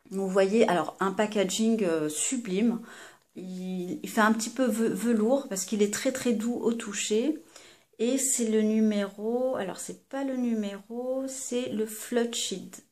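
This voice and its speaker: A woman's voice: medium pitch, darkish tone. Hesitant woman reviewing beauty products. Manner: hesitant, many fillers and restarts; chatty, addresses viewers directly. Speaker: beauty vlogger.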